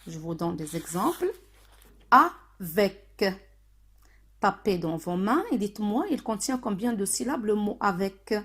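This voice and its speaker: A woman teaching a phonics lesson to children, speaking slowly and spelling out sounds syllable by syllable. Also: mid-range voice, animated, darkish tone, slightly rough. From Morocco. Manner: slow, deliberate, syllable by syllable.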